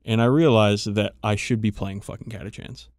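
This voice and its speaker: Speaking at a normal speed with fairly even intonation, this man's voice sits on the low side and sounds a little mellow. He's a podcast host in a casual, enthusiastic, profanity-laced hobby chat explaining game lore.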